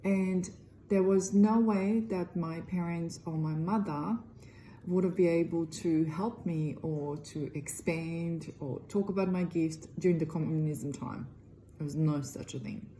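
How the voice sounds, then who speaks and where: A middle-aged woman with a Croatian accent talks earnestly to camera about her healing work. Her voice sits low and mellow, and her English is loosely phrased. A faint hiss runs underneath. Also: fairly even intonation, unhurried, low-quality recording. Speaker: energy healer. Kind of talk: direct-to-camera self-promotion.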